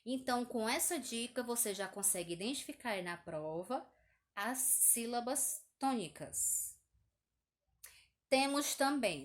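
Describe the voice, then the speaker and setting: Slow, patient Brazilian teacher woman. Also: medium pitch. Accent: Brazilian Portuguese. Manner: slow, patient, uses diminutives and "tá?" checks. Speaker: primary school teacher. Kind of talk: video lesson reviewing a test.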